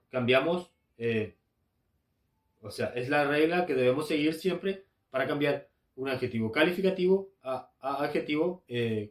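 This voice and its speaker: A man from Argentina explains a grammar lesson at a very slow, unhurried pace. He hesitates, fills gaps with filler sounds and repeats his points. His voice sits at a middle pitch and echoes around a roomy space. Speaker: English teacher. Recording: echoey room.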